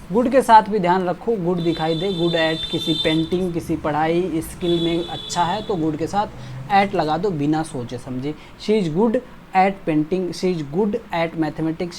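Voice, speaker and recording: A man teaching an exam-prep grammar lesson, reading example sentences slowly and drawn out and checking in often with short asides. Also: high-pitched, a little mellow, a little hiss or hum.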